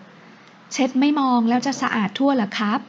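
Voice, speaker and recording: A woman's voice: high voice, a little hiss or hum. Woman doing a wheedling young husband. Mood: teasing. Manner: coaxing, drawn-out pleading. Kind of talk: audiobook character voice. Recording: dull lo-fi recording.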